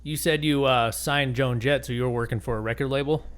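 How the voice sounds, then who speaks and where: A middle-aged man hosting a casual podcast interview, chatty and easygoing, tossing in quick affirmations. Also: medium pitch, fairly even intonation, fairly bright tone, clean tone. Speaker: podcast host.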